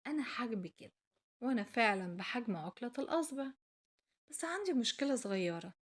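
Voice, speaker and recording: A woman's voice: on the high side, animated, quick pace. A woman with an Egyptian Arabic accent voicing a tiny, earnest magical boy asking for help in a storybook tale. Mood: earnest, pleading. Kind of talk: storybook character acting.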